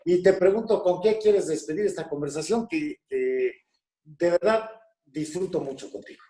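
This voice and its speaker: Man hosting an interview, friendly sign-off, mellow higher voice, roomy echo. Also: moderate pace. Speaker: interview host. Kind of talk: interview closing remarks. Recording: echoey room.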